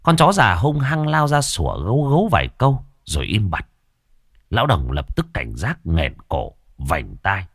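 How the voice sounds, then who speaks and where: A man's voice: low-pitched, wildly swooping pitch, moderate pace, dry recording, clean studio sound. A man telling an earthy, crude comic village story.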